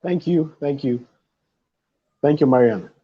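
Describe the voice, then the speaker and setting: A man's voice: medium pitch, slow, husky. A man speaking as guest of an online conference, his audio coming through a call stream that keeps dropping out. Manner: energetic, repeats phrases, checks in with "right?". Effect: dropping, glitchy online stream audio. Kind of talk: motivational talk to a live online audience. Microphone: video call. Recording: dull lo-fi internet call audio.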